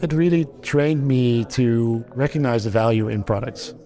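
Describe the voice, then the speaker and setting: Soft background music accompanies a middle-aged Dutch man with a dark, mid-range voice and a Dutch accent, speaking at a moderate pace. As a company founder in a documentary interview, he comes across as thoughtful, with many restarts and fillers.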